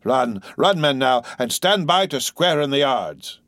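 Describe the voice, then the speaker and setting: A man's voice: mid-range voice, animated, unhurried, a bit bright, no room sound, studio quality, voice pushed up. A man voicing a desperate middle-aged whaling captain who begs urgently for help. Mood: beseeching. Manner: pleading, urgent, insistent.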